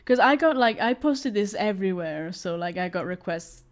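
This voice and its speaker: A young woman with a medium-pitched, animated voice chats at a moderate pace while streaming herself drawing. Her talk rambles, full of fillers, stammered restarts and frequent laughter.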